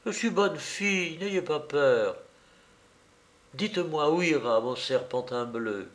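A man's voice: on the high side, lively intonation, slow pace. A man putting on a coquettish young woman. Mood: coaxing.

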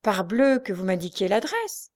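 A woman reading aloud and voicing an anxious, excitable old male servant, raised in pitch and loud. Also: moderate pace. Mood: eager. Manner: excitable, pressing questions.

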